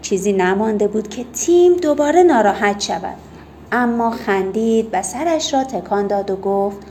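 A woman reading a children's story aloud, gently and expressively. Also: mid-range voice, animated, a little hiss or hum.

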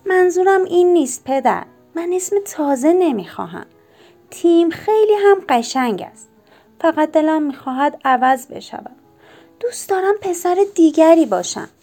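A woman voicing an upset chubby young boy who gets teased, pleading in a high, whiny voice. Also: big pitch swings, mellow, soft background music. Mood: sad.

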